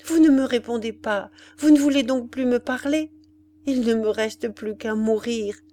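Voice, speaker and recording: An impassioned young woman begs her beloved, her voice pitched high and full of tearful urgency, as a woman narrator puts her on. There is a faint hum behind her. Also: moderate pace, mellow, natural voice. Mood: anguished. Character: desperate young woman pleading for her love.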